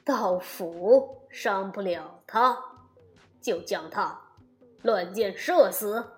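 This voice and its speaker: A woman voicing an angry, pompous male emperor of heaven who barks slow, blustering commands in a storybook reading. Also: medium pitch, faint music behind, pitched below the performer's own voice. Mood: furious.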